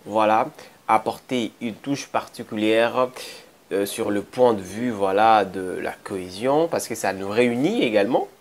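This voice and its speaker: A man with a Congolese accent giving spoken commentary as a presenter, halting and repeating phrases for emphasis. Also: on the low side. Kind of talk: spoken commentary introducing a clip. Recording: faint background noise.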